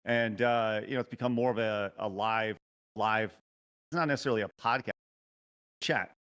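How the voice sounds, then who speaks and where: A man's voice: on the low side, normal speed, fairly bright tone, smooth. A man hosting a show, talking in a rambling, hesitant way over a remote call whose audio keeps breaking up and cutting out. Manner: rambling, hesitant, lots of filler and restarts. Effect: choppy, breaking-up call audio that cuts in and out. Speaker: show host interviewing a guest. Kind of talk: casual interview over a call. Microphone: remote call mic.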